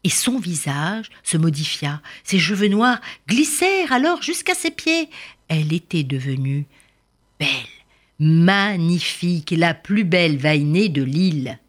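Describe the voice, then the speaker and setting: A woman reads a children's folk tale with a lowish voice that swoops widely in pitch. Her telling is animated and expressive, leaning into each turn of the story. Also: unhurried.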